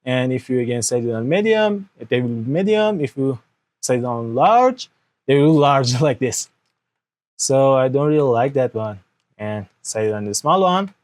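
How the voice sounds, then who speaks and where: This tutorial host is a young man whose first language is Persian, sounding animated at medium pitch and a moderate pace. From a desk in an indoor room, he walks through computer steps into an external microphone for a screen recording, frequently asking "okay?" in non-native grammar.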